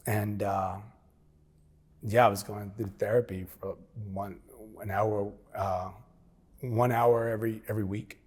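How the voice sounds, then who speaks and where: This interview guest, a man in his forties who served as a military operator, tells his story in a frank, plain-spoken way, often reenacting past dialogue. He delivers it flatly, a little slowly, in a lowish voice.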